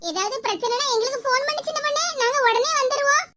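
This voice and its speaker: Chatty cartoon neighbor lady, a woman doing it very high, hissy track. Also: quick pace. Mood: worried. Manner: chatty, concerned. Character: gossipy kindly village neighbor woman.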